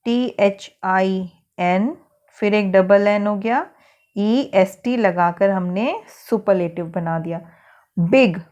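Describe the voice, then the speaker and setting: A woman's voice: medium pitch, a little mellow. A woman with an Indian accent teaching an English worksheet lesson to schoolchildren, speaking patiently and spelling words out letter by letter.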